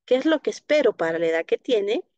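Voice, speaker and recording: A woman's voice: fairly high pitch, big pitch swings, fast, no room sound, muffled recording. A woman teaching a live online class on child speech, explaining patiently and checking in with a frequent "¿no?", in Latin American Spanish. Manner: explanatory, frequent tag "¿no?", soft diminutives. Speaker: speech therapy instructor. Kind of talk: live online class, answering viewer questions.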